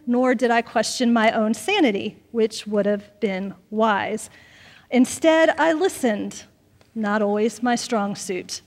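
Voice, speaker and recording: Woman pastor, sermon, unhurried and soft at line ends; church reverb. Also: a little high. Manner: measured, trailing off softly at phrase ends. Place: church sanctuary. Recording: long reverb of a church sanctuary.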